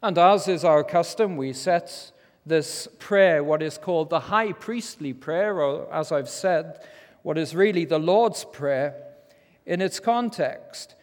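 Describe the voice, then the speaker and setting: A British man with a lisp and slushy s sounds, preaching a formal, solemn sermon in measured phrases with rhetorical pauses. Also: fairly high pitch. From Britain. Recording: reverberant large hall.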